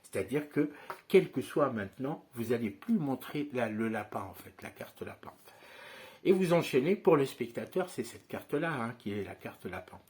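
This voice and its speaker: A man walks through a card trick as a teacher, talking in an easy, conversational way. His voice sits at an ordinary middle pitch, and he keeps checking that his listeners are following. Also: expressive, normal speed, darkish tone. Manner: conversational, frequent tag questions and fillers.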